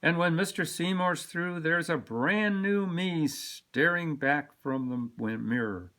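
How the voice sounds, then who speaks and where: A man reads a children's picture book aloud in a slightly high voice, telling the story expressively and deliberately.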